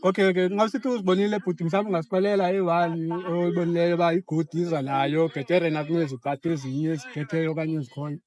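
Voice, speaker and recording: A man's voice: fairly high pitch, fairly even intonation, rapid-fire, hardly any pauses, a little mellow. A man with a South African accent doing informal street interviews as the interviewer. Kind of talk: informal vox pop interviewing.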